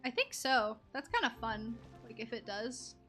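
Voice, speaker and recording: Her voice runs high and sing-song at a moderate pace, bright with a forceful tone. She's a streamer doing casual live game commentary, playful and rambling, with silly sound effects and game music playing behind.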